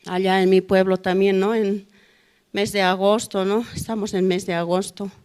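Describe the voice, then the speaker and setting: In a church hall, a middle-aged woman gives a spoken testimony at a prayer service, ending nearly every phrase with a questioning "no?". Her mid-range voice is level, moderately paced, clean, and a little mellow.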